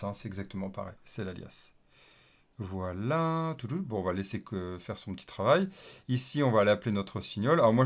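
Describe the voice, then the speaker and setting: A man with a low, gravelly voice walks through code in a relaxed screencast tutorial, muttering to himself and filling pauses as he types. Keyboard clicks sit behind him over a faint hiss. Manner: thinks aloud while typing, many fillers and repeated okays. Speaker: developer teaching coding. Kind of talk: casual screencast coding tutorial. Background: keyboard typing and clicks.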